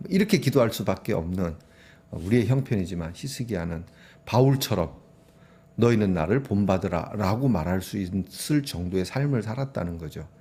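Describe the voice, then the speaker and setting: A middle-aged man preaching a sermon in a conversational way, sometimes acting out prayers in a hushed voice. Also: on the low side. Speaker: pastor.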